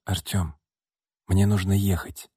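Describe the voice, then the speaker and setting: A man's voice: medium pitch, big pitch swings, fairly quick, warm tone, slightly rough, dry recording, clean studio sound, voice pushed up. A man reading an audiobook voices a tired young woman who runs a construction firm, anxious and pleading. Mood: soft, tender.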